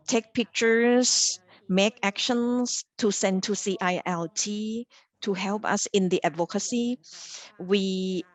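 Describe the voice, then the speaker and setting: A woman interpreting interview answers in deliberate, halting phrases. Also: mid-range voice, dry recording.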